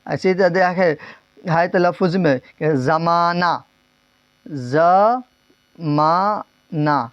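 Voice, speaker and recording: A male teacher giving a grammar lesson, asking questions and repeating the answers, drawing some words out slowly and rushing through others. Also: fairly high pitch, steady tone, clean tone, dry recording, dull audio. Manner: drills terms, asks and repeats answers; stretches words slowly, then speeds up.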